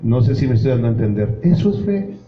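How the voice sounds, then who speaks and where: A man's voice: medium pitch, very animated, quick pace. A man preaching a sermon as pastor, speaking with fervor and addressing the congregation directly. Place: church hall. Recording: roomy, dull church recording.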